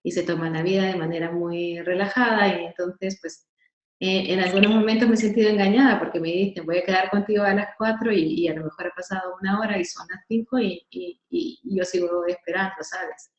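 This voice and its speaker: A woman moderates a webinar and chats about her own experiences, filling pauses and repeating words. Her voice sits a little low. The sound is dull and echoey over a computer mic. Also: steady tone. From Honduras. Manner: chatty, with frequent fillers and repeated words.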